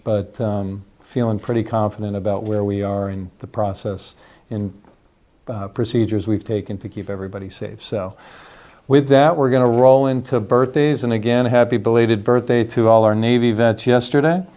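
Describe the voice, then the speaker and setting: Male host, warm low-toned voice, friendly upbeat announcements. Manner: friendly, upbeat, reads names slowly. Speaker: community host announcing news and birthdays. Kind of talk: casual community announcements.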